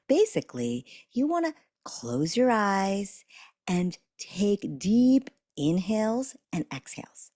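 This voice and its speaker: A woman coaching listeners on a spiritual journey in a self-help teaching talk, expressive and softening to guide slow breathing. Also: on the low side, dry recording, clean studio sound. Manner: expressive, acts out little quoted voices; slows and softens when guiding breathing.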